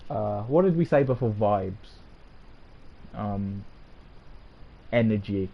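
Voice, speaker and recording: A man's voice: on the low side, animated, slow, muffled recording, a little hiss or hum. A man streaming a game and chatting with his viewers in a casual, self-mocking way, often laughing. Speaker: gaming streamer.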